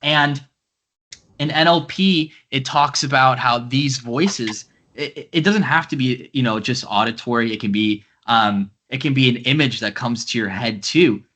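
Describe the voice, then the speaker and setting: A man's voice: medium pitch, a little slow, a bit bright. A man hosting a podcast, chatting casually and thinking aloud, often ending his points with a questioning "right?". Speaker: podcast host. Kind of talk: casual interview chat.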